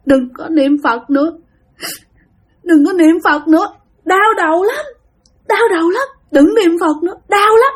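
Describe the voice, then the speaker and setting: Brief: woman playing a possessed father, Southern Vietnamese accent, a girl's spirit shrieking high and husky. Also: big pitch swings, fairly quick, few pauses, fairly bright tone. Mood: sobbing. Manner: shrieking, cursing, pleading. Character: possessed father, a young girl's spirit raging then sobbing.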